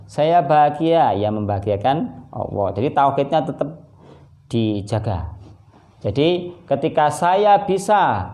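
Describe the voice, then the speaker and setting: Animated Javanese-accented male preacher. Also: mid-range voice. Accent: Javanese-influenced Indonesian. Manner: animated storytelling, acting out dialogue, chuckling asides. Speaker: Islamic preacher. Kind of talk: casual sermon. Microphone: phone livestream.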